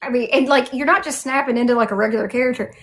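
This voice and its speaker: A woman from the southern United States, with a Southern American accent, conducts an interview in a casual chat, sounding effusive, colloquial and emphatic. Her voice is on the high side and she talks rapid-fire.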